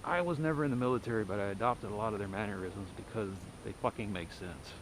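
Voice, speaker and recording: A middle-aged Texan with a low voice and a light, slightly softened twang talks fast as he walks a residential street at night. He's a walking vlogger delivering a rambling monologue, blunt, dry and wry. Street noise and passing cars are clearly heard behind him.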